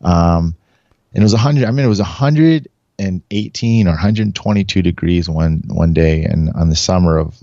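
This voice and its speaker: A man in his forties with a low, gravelly voice and a warm, mellow tone, telling rambling stories as a podcast guest. He laughs a lot and slips into the voices of people in his stories. The recording is dry and a little muffled. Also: moderate pace, no room sound. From Southern California. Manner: rambling, laughs often, acts out quotes. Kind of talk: casual storytelling.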